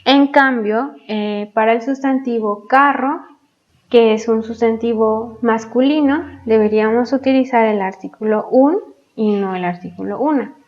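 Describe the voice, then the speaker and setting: Slow, patient woman teaching grammar. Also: a little high. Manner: patient, models English words slowly and clearly. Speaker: English teacher. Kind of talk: explaining English grammar in Spanish. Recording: dull lo-fi sound.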